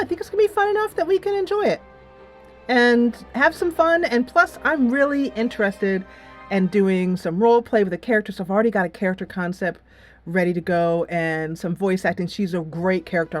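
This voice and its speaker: With music in the background, a woman with a mid-range voice talks fairly quickly as host of a gaming channel. Her rambling, casual chat covers a game review and an upcoming series, spiced with dramatic rhetorical moments.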